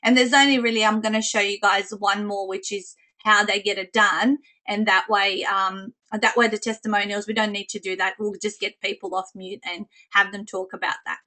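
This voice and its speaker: A woman with a slightly squeaky voice presenting an informal online coaching call in a chatty way. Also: steady tone, normal speed, hardly any pauses, pushed and bright, rough recording.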